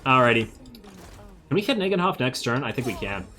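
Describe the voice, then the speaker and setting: A man's voice: mid-range voice, big pitch swings, a little fast, bright, forceful tone, faint music behind. Man musing aloud over a strategy game. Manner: thinks aloud, musing and self-amused, trailing off to mutters. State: slightly losing his voice. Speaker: strategy game let's-play host. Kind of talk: casual gameplay commentary.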